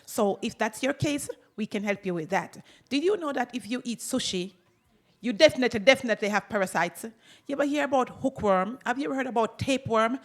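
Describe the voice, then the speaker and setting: A woman's voice: fairly high pitch, animated, fast. A woman, a holistic clinic doctor, promoting her clinic on a radio talk show with emphatic repetition. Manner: emphatic, repeats words for effect, laughs often. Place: radio studio.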